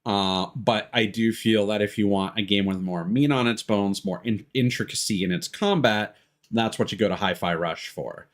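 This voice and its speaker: This game streamer has a lowish voice and speaks at a moderate pace. His live-stream chatter and gameplay commentary come out loose and unfiltered, with swearing, frankness and jokes at his own expense.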